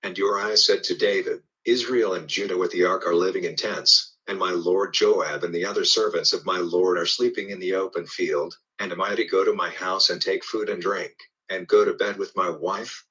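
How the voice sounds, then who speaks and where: Deep-voiced man reading scripture. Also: steady tone, moderate pace, few pauses, pushed and bright, muffled recording. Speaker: scripture reader.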